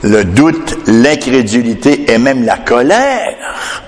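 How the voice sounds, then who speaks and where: A man's voice: mid-range voice, big pitch swings, slow pace, big-room sound. A man preaching a sermon emphatically, often tagging his points with a questioning "hein?". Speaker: pastor.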